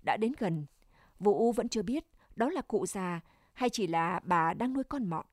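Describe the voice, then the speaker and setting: A woman reading a serialized novel aloud, in measured, emotive storytelling. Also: medium pitch, animated, darkish tone, dry recording, studio quality. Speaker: audiobook reader. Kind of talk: scripted novel narration.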